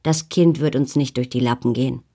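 A woman's voice: a bass voice, steady tone, brisk, mellow, pitched below the performer's own voice. A woman doing a domineering, menacing village boss. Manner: menacing, mocking. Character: scheming, domineering man leading a village. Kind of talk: audiobook character voice.

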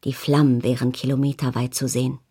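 A woman calmly narrating a novel in the first person as an audiobook reader. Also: rumbling low, brisk, husky.

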